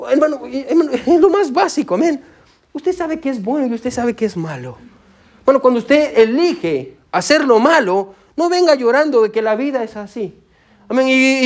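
Man, pastor, fervent sermon, very high voice, keeps calling to the congregation. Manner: fervent, keeps calling out "amén" and "escuche" to the listeners.

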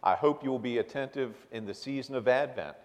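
A man speaking as a pastor, giving a formal, measured welcome and announcements to a congregation. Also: medium pitch. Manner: formal, measured public address. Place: large church sanctuary, indoors. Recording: long reverberant church hall.

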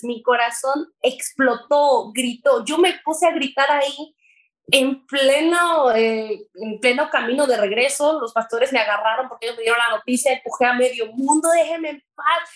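A Mexican woman with a slightly high voice tells her faith story earnestly. She speaks with feeling and stumbles over her words now and then as a guest recounting her life. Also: steady tone, moderate pace, rough recording. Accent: Mexican Spanish. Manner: earnest and emotional, with hesitations. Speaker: guest sharing her testimony. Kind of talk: personal faith testimony.

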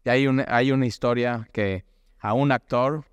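An emphatic male preacher delivering a sermon, repeating key phrases for weight and stumbling over the starts of words. His voice is smooth and resonant, at a middle pitch, recorded dry and close with no room sound. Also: steady tone, normal speed, no room sound, muffled recording. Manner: repetitive, emphatic, restarts words.

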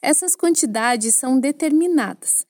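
A woman with a Brazilian Portuguese accent teaching a French lesson, explaining phrases clearly and asking the listener to repeat after her. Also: sits high, animated, normal speed, darkish tone, no echo, clean studio sound.

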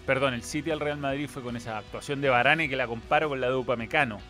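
A man's voice: mid-range voice, quick pace, pushed and bright, soft background music. Man running through team lineups. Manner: lists lineups and injuries matter-of-factly. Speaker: football podcast co-host. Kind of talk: casual football chat.

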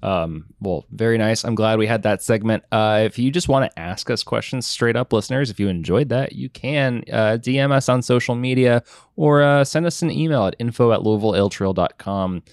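A man hosting a podcast who steers the chat and announces the segments in a steady way. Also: on the low side, brisk, no echo, studio quality. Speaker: podcast host.

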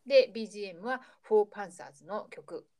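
Woman, brisk casual recap voice, mid pitch, detailed scene-by-scene narration. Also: darkish tone. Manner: fast, detailed scene-by-scene narration with quoted lines. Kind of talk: casual retelling of a TV episode.

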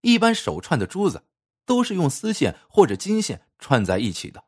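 A man voicing a calm, self-assured master craftsman in a folk tale, speaking low and measured. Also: exaggerated voice. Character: calm, masterful male jade carver.

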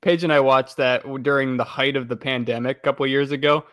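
A man's voice: mid-range voice, fairly even intonation, brisk, no room sound, highs cut off. A man hosting a podcast in casual chat, playful, laughing a lot and slipping into mock announcer bits. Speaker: podcast host.

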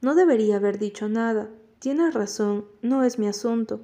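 A woman narrating an audiobook voices a troubled young man who is blunt and still in love, speaking quietly and earnestly. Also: fairly high pitch, normal speed, close to an everyday voice. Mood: subdued.

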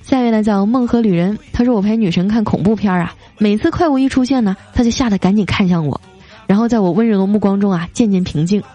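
A woman's voice: mid-range voice, fast talker. A woman hosting a casual show, playfully reading out and teasing listener comments. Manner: playful, teasing, reads jokes with light voiced quotes. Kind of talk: casual chat. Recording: soft music behind.

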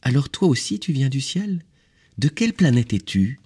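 A man's voice: sing-song, moderate pace, dark tone, husky. A man voicing a curious, insistent little boy prince in an audiobook reading, with an eager, pleading tone. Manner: eager, pleading, high childlike tone.

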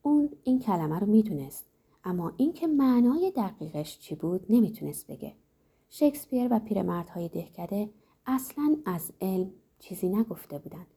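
A woman narrating a novel in a calm, expressive storytelling manner. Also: medium pitch, slightly rough. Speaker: audiobook narrator. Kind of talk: novel reading.

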